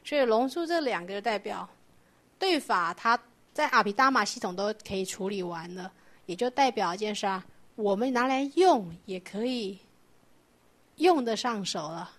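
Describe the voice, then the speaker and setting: A woman's voice: medium pitch, lively intonation, normal speed. A woman teaching a Buddhist doctrine lecture, explaining patiently and asking her class rhetorical questions.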